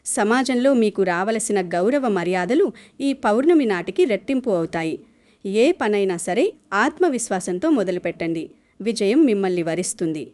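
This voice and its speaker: Woman narrating astrology advice, steady. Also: medium pitch, normal speed, dry recording. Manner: earnest, advising, steady delivery.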